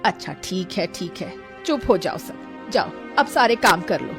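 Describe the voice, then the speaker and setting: A woman's voice: mid-range voice, animated, unhurried. Lady doing an old grannie, scolding and melodramatic, mid voice, music behind. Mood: thoughtful. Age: older. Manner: nagging, dramatic. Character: scolding grandmother of five girls.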